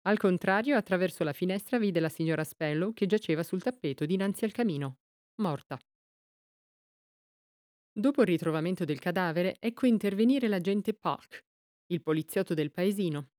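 A woman narrating a mystery novel as an audiobook, with a measured, even reading. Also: on the low side, no room sound, studio quality.

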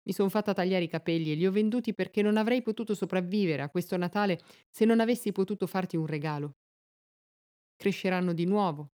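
A woman's voice: fairly low pitch, quick pace, mellow, close to an everyday voice. A woman voicing an anxious young wife who pleads earnestly and tenderly. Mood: pleading.

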